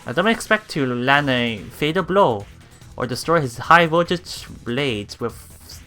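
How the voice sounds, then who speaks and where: A man with a mid-range, expressive voice, pushed and bright, reads visual novel text aloud for a let's play, adding his own reactions. He halts, stumbles over words and repeats them. Game music plays behind him.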